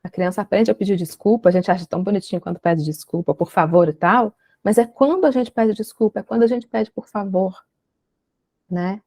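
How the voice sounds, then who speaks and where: A woman's voice: medium pitch, brisk, a little mellow, no room sound. A young adult woman with a Brazilian accent, a parenting educator talking reflectively and emphatically as a podcast guest. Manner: reflective, emphatic, uses many tag questions. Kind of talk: conversational podcast interview.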